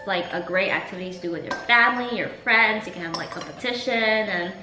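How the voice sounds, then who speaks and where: A woman's voice: medium pitch, a little fast. Young woman musing casually in echoey room. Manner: informal, conversational, musing aloud. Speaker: co-host of a food show. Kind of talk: casual chat. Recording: echoey room, prominent music, clinking cutlery.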